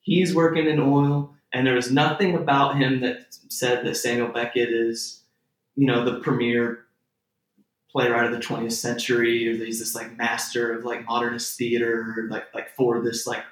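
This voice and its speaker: A man from Texas, a theater-maker guest in a conversational interview, rambling with lots of "like" and restarts, getting animated as he tells stories. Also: medium pitch, moderate pace. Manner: rambling, heavy on "like", restarts often, grows animated telling stories. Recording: echoey room.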